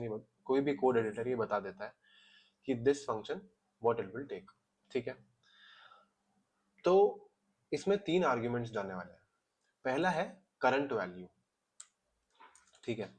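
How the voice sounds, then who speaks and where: Man explaining code in relaxed Hindi-English. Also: medium pitch. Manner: explains step by step, mixing Hindi with English terms, checks in with "ठीक है". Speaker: coding tutor. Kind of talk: casual screen-recorded coding lesson.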